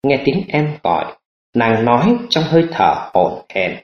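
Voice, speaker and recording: Expressive male audiobook narrator. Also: mid-range voice, unhurried. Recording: roomy lo-fi audiobook recording.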